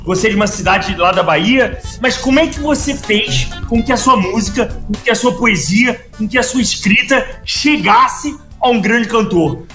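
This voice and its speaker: A man's voice: sits high, sharp tone. A man hosting an interview, asking informal, slangy questions and rephrasing them several times. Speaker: interview host.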